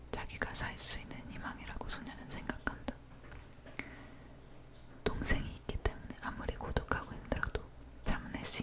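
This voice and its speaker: A woman leaning in close to the ear microphone, reading a dark story aloud in a breathy, hushed ASMR whisper. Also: on the high side.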